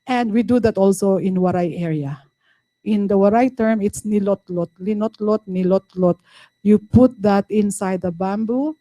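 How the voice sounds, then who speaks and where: A woman's voice: medium pitch, normal speed, mellow, no room sound. A woman with a Filipino accent giving a university lecture, patiently explaining and checking in with "no?" and "okay?". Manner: code-switching, explaining patiently with frequent "no?" and "okay?". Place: lecture room.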